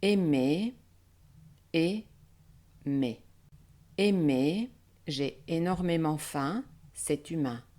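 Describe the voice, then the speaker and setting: Woman, French pronunciation teacher, low voice, very slow, syllable by syllable. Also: expressive, darkish tone.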